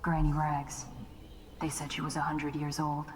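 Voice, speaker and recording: A woman's voice: low voice, monotone, a little slow, slight background noise. An actress playing a young female assassin with a dry, sardonic way of speaking.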